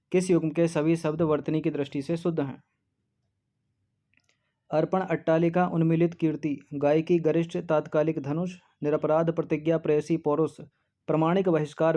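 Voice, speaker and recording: Flat, methodical male Hindi tutor. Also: on the high side. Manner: methodical, reads options aloud and eliminates them one by one. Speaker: exam-prep teacher. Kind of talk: explaining a Hindi test paper. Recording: dull lo-fi recording.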